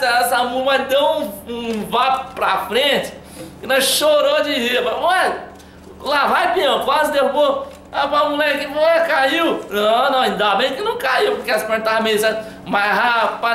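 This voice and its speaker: High-voiced storyteller. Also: male voice, echoey room, a little hiss or hum. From Brazil. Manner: lively, chatty, laughing. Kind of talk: casual anecdote telling.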